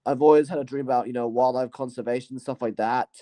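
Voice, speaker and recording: Fast and mellow, with medium pitch and fairly even intonation, a channel host talks through his year and gives movie reviews. His casual, rambling style is hesitant, marked by hedging, trailing off, and repeated "you know" and "I guess."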